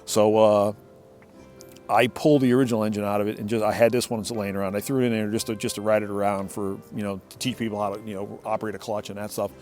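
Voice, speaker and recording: A man's voice: lowish voice, level tone, fast talker, a little mellow. Middle-aged guy rambling thru a story in his shed, keeps restarting, faint music behind. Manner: rambling, with many restarts and repeated words. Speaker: motorcycle owner telling a story. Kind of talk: casual spoken storytelling.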